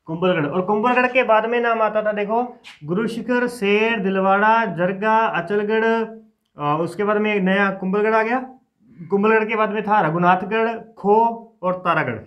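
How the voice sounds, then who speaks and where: A man teaching a geography class in a casual lecture style. He dictates lists and repeats each name slowly for his students. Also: high-pitched. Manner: talks informally to students while teaching. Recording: dull lo-fi classroom recording.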